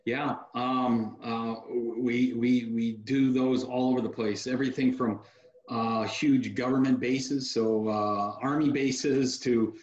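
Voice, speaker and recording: A man in his forties, guesting from a security technology company, explains products in a video call interview. He's relaxed, practical, and sales-savvy, speaking slowly in a mid-range voice with lots of "uh" fillers. His webcam mic sounds dull, and the room is echoey.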